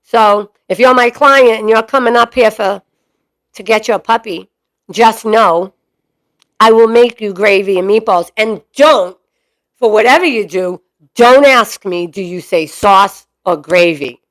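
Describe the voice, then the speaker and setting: Boston lady in her 50s, kinda high voice, jokey and chatty, talking straight to her viewers. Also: measured pace. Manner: chatty, joking, animated storyteller. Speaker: dog breeder and channel host. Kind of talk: casual chat to camera.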